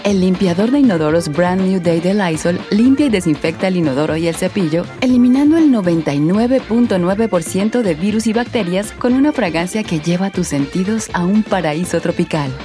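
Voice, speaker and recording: A woman reading a scripted ad in a friendly, polished pitch. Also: animated, a little fast, hardly any pauses, dark tone, soft background music. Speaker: ad announcer. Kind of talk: scripted radio ad.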